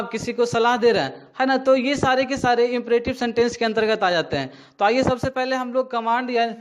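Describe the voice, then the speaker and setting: A male teacher with a strikingly high voice walks students through a grammar lesson, stopping often to check they follow. He asks a question and then repeats the answer himself. The sound is dull and lo-fi.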